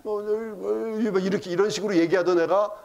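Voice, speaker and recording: Middle-aged male pastor, high-pitched, preaching a sermon in church, acts out the voices in his stories. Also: fairly even intonation, fairly quick, gravelly, darkish tone, muffled recording. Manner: storytelling, acting out quotes with English phrases.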